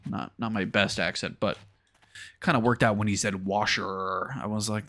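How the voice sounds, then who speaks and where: A man's voice: fairly low pitch, creaky, a bit bright. A man streaming a game, chatting casually and muttering to himself as he plays. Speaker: gaming livestreamer. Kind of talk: casual gameplay commentary.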